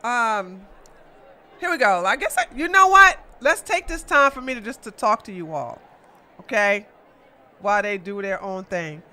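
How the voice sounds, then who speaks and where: This expressive woman hosts a laid-back livestream, talking with viewers and reading what they write. At a moderate pace, she greets everyone with loud, high exclamations and frequently laughs as she pokes fun at her chat.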